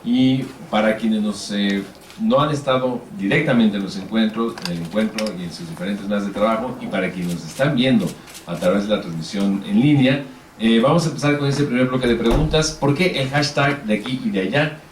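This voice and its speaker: A man with a lowish voice, speaking a little fast, moderates a public panel in an event hall. He's polite and organized as he explains the format and introduces speakers, though he hesitates often with fillers. The hall echoes, the mic is distant, and there's slight background noise.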